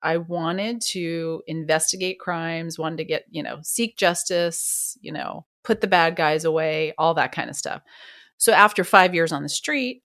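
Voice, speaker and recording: Middle-aged new lady, retired cop, low voice, chatty and candid, dry close sound. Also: no room sound. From New York. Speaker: retired police detective, guest. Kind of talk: casual interview conversation.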